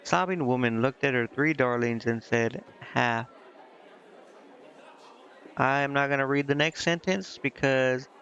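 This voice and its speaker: Gravelly yet fairly bright, this medium-pitched male voice belongs to someone giving relaxed live game commentary, musing aloud and voicing the dialogue along the way. Game music runs in the background of a dull, band-limited recording.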